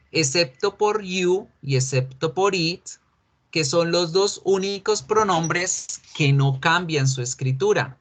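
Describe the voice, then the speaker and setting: Man, fairly high voice, English teacher, online class, chatty, joking with students. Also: a bit bright. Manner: chatty, jokey, calls on students by name.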